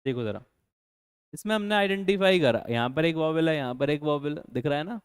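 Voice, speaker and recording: A man's voice: on the high side, brisk, smooth, dry recording. A man teaching a grammar lesson, asking his students rhetorical questions and repeating key points. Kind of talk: classroom-style grammar lesson.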